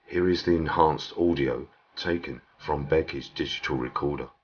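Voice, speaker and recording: Very deep-voiced documentary narrator. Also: male voice, normal speed, muffled recording. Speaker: investigator narrating his footage. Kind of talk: scripted voice-over narration.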